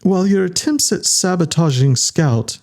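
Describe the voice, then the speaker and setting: A man's voice: high-pitched, expressive, a little mellow, pitched above the performer's own voice. Man doing a formal, precise robot. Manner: formal, measured, strange electronic tone. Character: polite, precise male robot.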